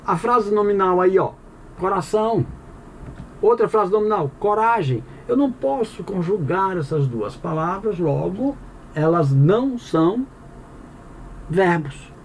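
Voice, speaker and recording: A man's voice: sits high, lively intonation, unhurried, slight background noise. A man teaching a Portuguese grammar lesson in a conversational, explanatory way, asking the listener questions and answering them himself. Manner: conversational with frequent "tá bom?" check-ins.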